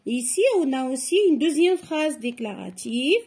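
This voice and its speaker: A woman's voice: sits high, animated, measured pace, a little mellow. A woman teaching a grammar lesson to children, explaining patiently and step by step. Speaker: French teacher.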